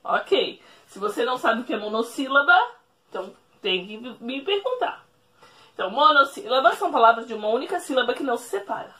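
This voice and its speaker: A woman teacher explaining a lesson at a whiteboard, speaking slowly, repeating each rule and checking in with the class. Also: high-pitched, very animated, pushed and bright. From Brazil. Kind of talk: recorded remote classroom lesson.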